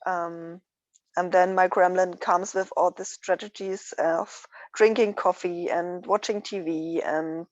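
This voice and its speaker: A woman from Switzerland, sharing her personal experience in a group, hesitant and thoughtful with many pauses. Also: fairly low pitch, darkish tone, dry recording, muffled recording. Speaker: workshop participant.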